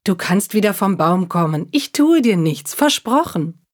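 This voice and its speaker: A woman voicing a curious, spirited young female cat in a children's story, speaking in a lively way. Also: medium pitch, measured pace. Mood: reassuring.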